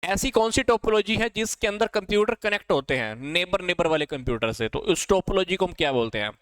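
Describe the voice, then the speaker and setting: A man with an Indian accent leads an exam-prep lesson in a high, clear, smooth voice. He reads each question out slowly, then explains it and gives the answer himself. The sound is close and dry. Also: expressive, a bit bright, no room sound, poor audio. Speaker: teacher.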